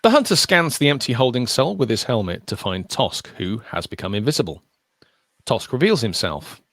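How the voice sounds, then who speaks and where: A man hosting a podcast, reading out an episode summary with animated asides in a casual chat. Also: mid-range voice, normal speed, no room sound. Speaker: podcast host. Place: recorded podcast session.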